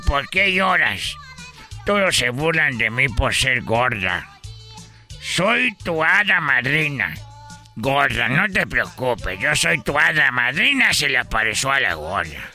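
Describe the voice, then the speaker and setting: A man doing a bragging street-food vendor for a radio comedy sketch, his thin, singsong voice unhurried and very bright. The pitch swings widely from line to line. He delivers absurd jokes deadpan and acts out the other voices in his stories. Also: full character voice. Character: boastful fast-talking foreign street-food vendor man. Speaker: comic character.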